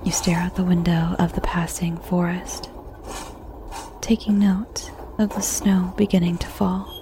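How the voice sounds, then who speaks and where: A woman whispering a slow guided visualization story in the second person, in a soft unvoiced whisper. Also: on the low side, flat delivery, background noise.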